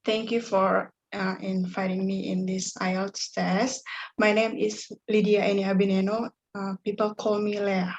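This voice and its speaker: A woman's voice: mid-range voice, little pitch movement, slow pace, lo-fi sound. A woman from East Nusa Tenggara answering mock exam questions in a careful, nervous way over a video call. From East Nusa Tenggara, Indonesia. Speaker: student in a practice test.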